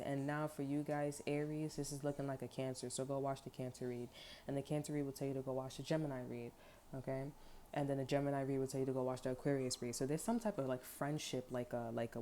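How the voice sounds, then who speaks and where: Low-voiced woman reading tarot cards. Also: mellow, a little hiss or hum. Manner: rambling, peppered with okay and like. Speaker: tarot reader.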